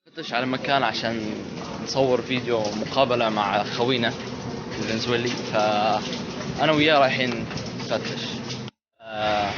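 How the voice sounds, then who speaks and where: A teenage boy with a Levantine Arabic accent hosts a vlog and interviews people, chatting casually and playfully, repeating answers and commenting on them. His male voice is mid-range, with the highs cut off. The recording is from a noisy public place full of urban sounds.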